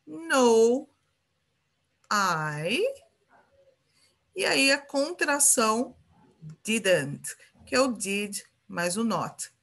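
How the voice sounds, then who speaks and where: A woman's voice: a little high, big pitch swings, very slow, gravelly, long pauses, a bit bright. A Brazilian woman teaching an English grammar lesson, patiently repeating example phrases and checking in with her students.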